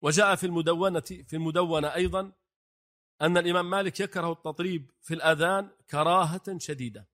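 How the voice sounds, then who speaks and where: A man gives a religious lesson to a class in a somewhat high voice. He talks slowly and deliberately, pausing to put questions to his students. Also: a bit bright. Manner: slow and deliberate, poses rhetorical questions to the class. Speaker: sheikh teaching a class. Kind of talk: religious lesson on the call to prayer.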